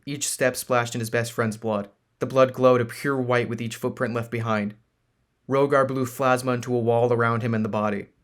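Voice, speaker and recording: A man narrating a science-fantasy novel in a steady, plain reading voice. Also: mid-range voice.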